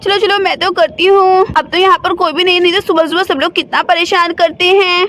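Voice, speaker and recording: A woman's voice: very high-pitched, fairly even intonation, fairly quick, fairly bright tone. A woman voicing a scolding, bossy middle-aged village mother in a doll story. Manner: bossy, complaining.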